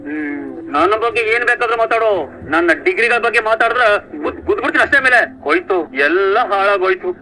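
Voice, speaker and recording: A hot-tempered arrogant eldest son. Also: male voice, high-pitched, fast talker, a little hiss or hum, poor audio. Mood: angry. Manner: shouting, scolding, boastful. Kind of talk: TV serial acting.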